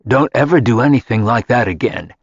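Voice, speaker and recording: A man's voice: medium pitch, expressive, fairly quick, breathy edge, no room sound, dull audio. A man voicing a stern, angry protective man. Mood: threatening. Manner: stern, threatening. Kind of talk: audiobook character voice.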